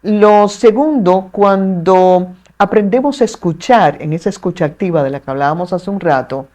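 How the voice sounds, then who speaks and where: Dominican woman explaining with expressive ease. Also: lowish voice. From Dominican Republic. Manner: articulate, measured, expressive with playful asides. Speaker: communication expert guest. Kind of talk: explanatory interview talk.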